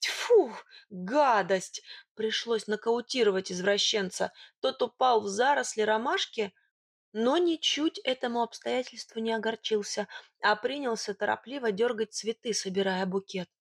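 Woman narrator, first-person storybook, fairly high voice, dry close mic. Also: moderate pace, slightly rough, no echo. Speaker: audiobook narrator.

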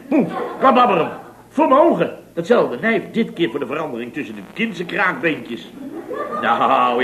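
A man with a mid-range, slightly bright voice acts the part of an indignant, blustering builder boss spinning tall tales in an old Dutch radio comedy. He tells the stories theatrically and exclamatorily, leaning on repeated tag words.

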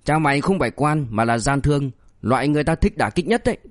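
A man's voice: on the high side, lively intonation, fast, no room sound, studio quality, lightly acted. A man voicing a blunt, threatening young boss who mocks and scolds in an audiobook story. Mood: menacing. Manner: harsh, threatening, mocking. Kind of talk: audiobook character voice.

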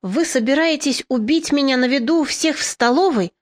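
A woman's voice: high voice, moderate pace, natural voice. A woman reading an audiobook, voicing a frightened man disguised as a woman who pleads in a trembling way. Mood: fearful. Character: frightened cross-dressed man posing as a woman.

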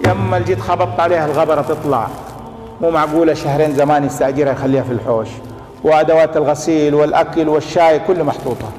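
Fast, impassioned male preacher, slightly high voice, long hall reverb. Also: steady tone. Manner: impassioned, rising to near-shouting. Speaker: preacher who washes the dead. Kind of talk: storytelling sermon. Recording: echoey hall with faint music.

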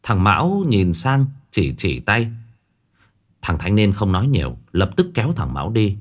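A man tells a ghost story in a low voice that rises and falls widely. His narration is dramatic and expressive, drawing out the grisly details. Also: moderate pace.

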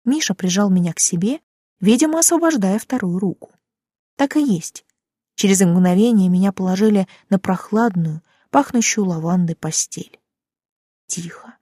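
A woman narrating an audiobook in the first person, expressive, acting out the dialogue. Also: mid-range voice, normal speed, husky, dry recording, studio quality.

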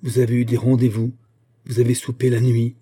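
A man's voice: medium pitch, completely flat delivery, fairly quick, mellow, breathy edge, close to an everyday voice. A man voicing a haughty, disbelieving aristocratic mother in an audiobook. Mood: shocked. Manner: dismissive, disbelieving. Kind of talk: audiobook character voice.

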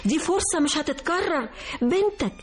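A woman's voice: sits high, lively intonation, moderate pace, faint music behind. A woman playing a pushy, proud middle-aged mother with an Egyptian accent in a radio drama. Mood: insistent, proud.

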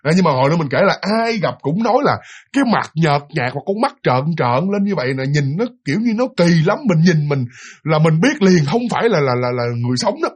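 A man's voice: on the high side, very animated, fast, husky. A man telling a ghost story in a chatty way, full of fillers and talking straight to his listeners. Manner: chatty, with many fillers, addressing the listeners directly. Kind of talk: casual spoken ghost story.

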